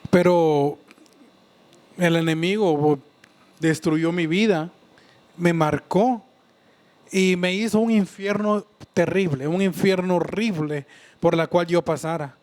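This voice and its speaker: High-voiced man giving testimony. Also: a little mellow. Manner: earnest, halting, with frequent restarts and repeats. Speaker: church member giving testimony. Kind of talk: personal faith testimony.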